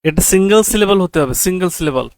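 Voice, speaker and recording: A man's voice: high voice, lively intonation, very fast, a little mellow. A man lectures on English grammar in a slightly raised voice. He says the key phrases over and over for emphasis and keeps checking that his students understand. The sound is dry and close, with no room echo. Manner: quizzes students with rhetorical checks. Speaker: English teacher.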